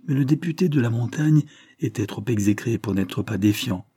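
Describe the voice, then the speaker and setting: A man narrating a classic novel aloud in a steady, measured storytelling manner. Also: mid-range voice, husky. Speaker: audiobook narrator.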